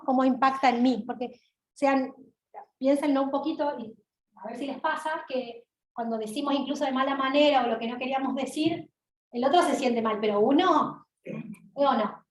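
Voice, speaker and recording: A woman lecturer with an Argentine accent, giving an animated university talk and asking her audience questions, recorded in a large lecture hall. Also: sits high, slight background noise. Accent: Argentine Spanish. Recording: roomy hall sound, mic at a distance.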